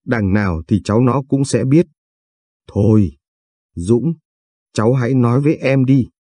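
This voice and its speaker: A man's voice: mid-range voice, normal speed, dark tone, husky, no room sound, close to an everyday voice. A man voicing a grieving old grandfather in a spoken storybook, heavy and resigned as he talks to his family. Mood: weary.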